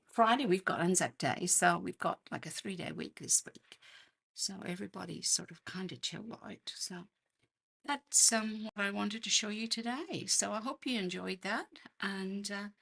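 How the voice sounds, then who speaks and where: A female Australian craft livestream host, gravelly and croaky, talks slowly and chattily through hands-on work, murmuring to herself and clearing her throat. Her husky voice sits at a medium pitch with a fairly bright tone in this casual tutorial.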